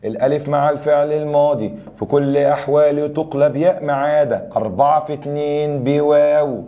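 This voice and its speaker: A young adult man with an Egyptian accent teaching a grammar review lesson, explaining rules and firing quick questions at students. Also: on the high side, fairly even intonation, mellow, dull audio. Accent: Egyptian Arabic.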